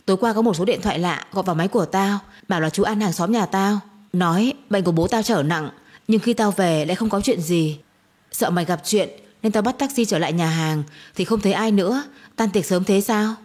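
A woman voicing an outraged young woman who shouts in quick, angry bursts, in a storybook reading. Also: mid-range voice, natural voice. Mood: urgent. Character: furious, loyal young woman friend.

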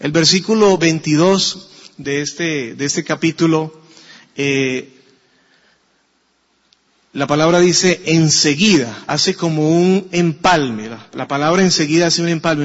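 A man preaching a sermon in a Colombian Spanish accent, slow and deliberate, asking his listeners questions as he reads. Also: fairly high pitch, a bit bright, in a large hall, highs cut off. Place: church sanctuary.

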